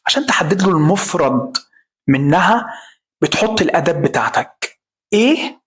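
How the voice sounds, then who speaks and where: A man speaking with an Egyptian Arabic accent teaches an English grammar lesson. He talks emphatically, fires off rhetorical questions and stretches his example words out slowly. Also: fairly high pitch, lively intonation, fairly bright tone, low-quality recording.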